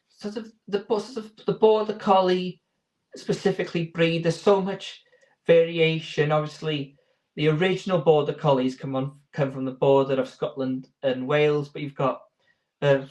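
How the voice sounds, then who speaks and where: Higher-voiced man explaining informally. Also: steady tone, normal speed, a little mellow, poor audio. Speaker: sheepdog handler and breeder. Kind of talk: informal interview answers.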